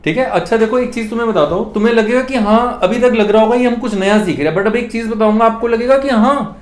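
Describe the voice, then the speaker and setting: A man's voice: extremely high pitch, fast talker, roomy sound. A man teaching an English grammar lesson in a classroom, telling jokey stories and asking students to repeat after him. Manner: animated, jokey storytelling with student call-and-response.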